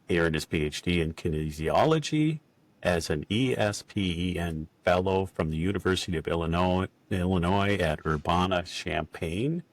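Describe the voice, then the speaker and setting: A man's voice: deep voice, dry recording. A middle-aged man hosting a podcast in a chatty, enthusiastic manner. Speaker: podcast host. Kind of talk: casual podcast interview.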